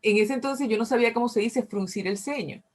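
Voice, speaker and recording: A woman's voice: fairly high pitch, a little fast. A Venezuelan woman in her fifties with a Venezuelan accent, speaking casually to an online recovery group and acting out bits of dialogue. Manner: conversational, acts out dialogue with frequent self-corrections. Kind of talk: informal talk sharing a personal story.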